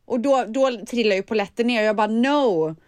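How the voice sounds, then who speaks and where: Young female co-host, lively storyteller, dry close sound. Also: fairly high pitch, smooth, no echo. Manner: animated storyteller, acts out voices, laughs often. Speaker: podcast co-host. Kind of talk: casual chat.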